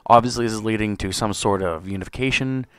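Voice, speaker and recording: A man hosting a solo podcast review, talking casually with lots of fillers and swearing, his voice a bit hoarse. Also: fairly low pitch, quick pace, a bit bright, no echo, clean studio sound. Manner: rambling, profane, with many fillers. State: slightly hoarse. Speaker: podcast host.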